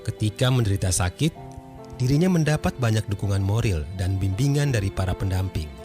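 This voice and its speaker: A man's voice: lowish voice, lively intonation, brisk. A man reading a formal, scripted radio news narration. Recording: music behind the voice. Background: music.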